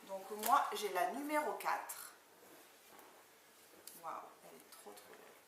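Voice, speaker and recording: Recorded far from the camera in an indoor room, a woman beauty vlogger excitedly unboxes makeup in casual, filler-heavy chatter. Her mid-range, slightly bright voice has lively intonation and vocal fry and moves a little slowly, while the distant camera mic picks up room echo and background noise.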